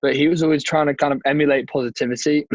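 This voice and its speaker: A man's voice: fairly high pitch, steady tone, fast, a little mellow, no room sound. Hesitant teenage guy on a dull call line. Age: 10s. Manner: modest, hesitant, with restarts and fillers. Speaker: singer guest. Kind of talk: casual interview chat.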